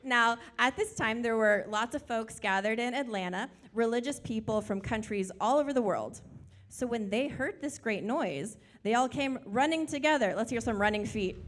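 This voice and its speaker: A woman's voice: on the high side, normal speed, slight background noise. A woman preacher telling a story to a congregation of all ages, inviting them to join in. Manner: animated, calls for audience participation. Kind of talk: interactive children's sermon storytelling. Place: church sanctuary.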